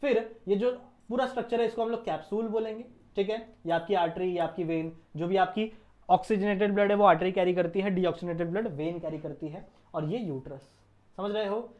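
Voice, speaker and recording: A man's voice: high-pitched, fairly quick, a little mellow. Indian male tutor, casual lecture style, keeps quizzing the class and answering himself. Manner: quizzes students with repeated questions. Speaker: teacher.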